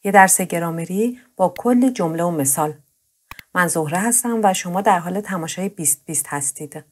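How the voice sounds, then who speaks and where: A woman presenting a grammar lesson, explaining patiently and slowing down to drill each verb form. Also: lowish voice, slight background noise. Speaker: Turkish language teacher.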